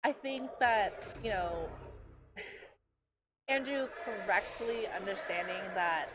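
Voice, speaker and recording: A woman's voice: medium pitch, noisy background. Tired woman casting a game live. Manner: chatty, filler-heavy, quick self-corrections. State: tired, losing her voice. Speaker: esports commentator. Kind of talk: live play-by-play commentary.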